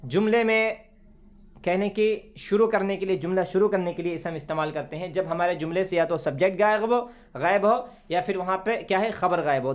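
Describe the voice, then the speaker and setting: A man teaching an English grammar lesson, patiently repeating phrases slowly for his students. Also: high voice. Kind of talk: classroom lesson explaining grammar.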